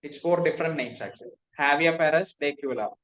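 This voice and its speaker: Indian English male tutor, slightly high voice, dictates and spells each word for students to copy. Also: fast, fairly bright tone, poor audio. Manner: spells words out letter by letter, repeats himself. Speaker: teacher. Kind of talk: classroom lecture dictating notes.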